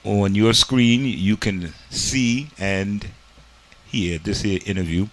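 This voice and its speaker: In a studio, a community TV host conducts a casual interview with commentary, preaching emphatically and leaning on "this here." His voice is lowish and fairly bright, and he talks slowly.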